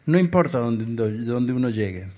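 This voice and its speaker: Argentine man, guest preacher, short phrases with pauses to be translated, mid-pitched. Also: very animated, a little mellow. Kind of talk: sermon.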